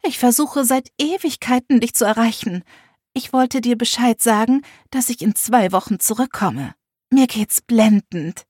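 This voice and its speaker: Woman doing a shrill self-pitying mother. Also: a little slow, a little mellow, slightly rough, dry recording, studio quality. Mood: pleading. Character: flighty middle-aged mother, drinker, self-pitying.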